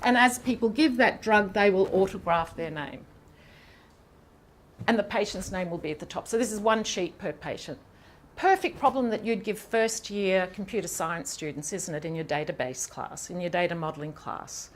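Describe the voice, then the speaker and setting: A woman professor giving a seminar lecture in a lecture hall, lively and chatty, with quick asides and questions to the audience. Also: mid-range voice, slight background noise. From Ireland.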